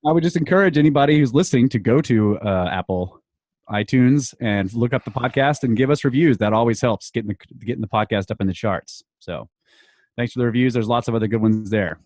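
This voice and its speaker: A man's voice: mid-range voice, brisk, darkish tone, dry recording. A man co-hosting a podcast, upbeat, chatting casually and laughing easily. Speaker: podcast co-host.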